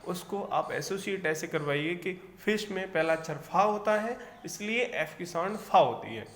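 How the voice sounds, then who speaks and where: A man teaching an instructional phonics lesson. He speaks deliberately, repeats each sound, and checks in with "okay". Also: high voice, expressive, fairly bright tone, slight background noise. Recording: long hall reverb.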